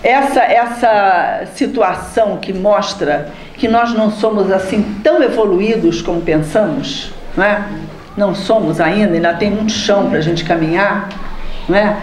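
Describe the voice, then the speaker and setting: A woman's voice: mid-range voice, moderate pace, slight background noise. Brazilian woman leading a spiritist study. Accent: Brazilian Portuguese. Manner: lively, teasing the audience with questions. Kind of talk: spiritist study talk to a group. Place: spiritist center hall. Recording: roomy hall with faint ambience.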